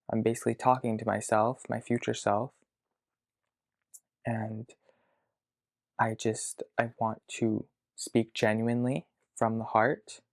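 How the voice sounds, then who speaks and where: A man's voice: medium pitch, gravelly. Hesitant young man recording a video diary. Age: around 20. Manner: hesitant, reflective, thinking aloud with pauses. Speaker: vlogger. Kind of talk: video diary to his future self. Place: his childhood bedroom.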